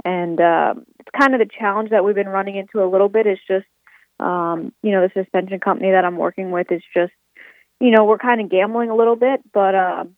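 A woman's voice: medium pitch, steady tone, dry recording. Young woman calling in over the phone, tinny line, lots of "you know" and restarts. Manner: halting, filler-heavy speech. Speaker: racing guest. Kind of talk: casual interview answers.

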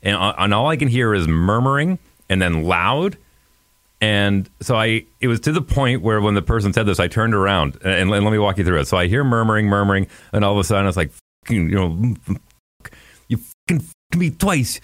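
A man's voice: on the low side, brisk, fairly bright tone, dry recording. A man casually telling a story on a podcast, rambling with many restarts. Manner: rambling, restarts, breaks into laughter. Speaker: podcast host.

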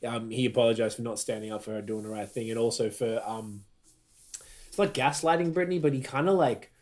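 A man's voice: medium pitch, a little fast, darkish tone. A man hosting a podcast in casual chat, rambling and slangy, often hunting for words. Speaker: podcast host.

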